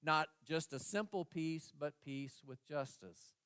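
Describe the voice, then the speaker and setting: Earnest man with a higher voice. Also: unhurried, a bit bright, smooth, dry recording. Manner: earnest, voices story animals. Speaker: pastor. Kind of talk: sermon storytelling. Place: church sanctuary.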